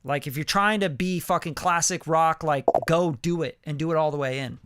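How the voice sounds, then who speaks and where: A man in his late thirties giving a casual live song critique as a music producer, animated and profane, full of "like" and "you know.". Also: a little high, normal speed, smooth, no echo, clean studio sound. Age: late 30s. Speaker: music producer reviewing listener songs.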